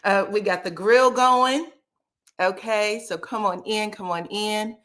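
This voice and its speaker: Hosting a livestream recap of reality TV, this woman talks casually and welcomes viewers by name. She speaks slowly at a medium pitch, her tone fairly bright though a little scratchy.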